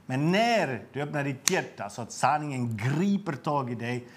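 A man's voice: mid-range voice, big pitch swings, slight background noise. A middle-aged man telling a personal faith testimony in an earnest, emotional way, often repeating words and restarting his sentences. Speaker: guest sharing a faith testimony.

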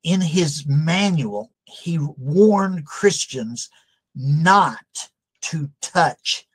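An older man answering interview questions as a deliverance counselor, measured and hesitant with many fillers. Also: fairly high pitch, low-quality recording.

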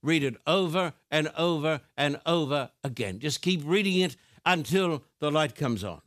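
A man preaching a televised sermon from a studio, reading scripture slowly and deliberately and speaking directly to his viewers. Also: fairly high pitch, animated, a bit bright, no echo. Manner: slow, deliberate, emphatic, addresses viewers directly.

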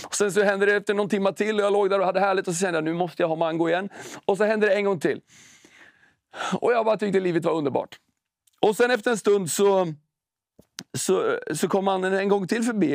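Male preacher, casual storytelling sermon; high voice with a gravelly edge, close and dry. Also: no room sound. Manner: conversational, storytelling, slow and emphatic when reading scripture. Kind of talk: sermon with prayer and personal story.

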